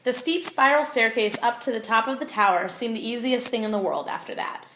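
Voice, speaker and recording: A woman reading a children's novel aloud, with expressive, clear storytelling. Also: fairly high pitch, a little fast, reverberant. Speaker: audiobook reader.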